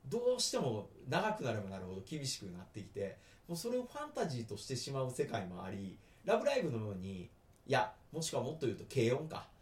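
A man with a lilt talks through a casual podcast chat. His voice leaps up and down in pitch as he acts out quoted lines. He laughs easily and keeps the talk lively. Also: quick pace. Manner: animated, laughs often, slips into Kansai-style quoted lines. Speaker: podcast co-host. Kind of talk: casual chat about anime.

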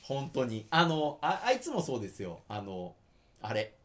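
A man with a lilt talks through a casual podcast chat. His voice leaps up and down in pitch as he acts out quoted lines. He laughs easily and keeps the talk lively. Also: moderate pace. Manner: animated, laughs often, slips into Kansai-style quoted lines. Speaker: podcast co-host. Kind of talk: casual chat about anime.

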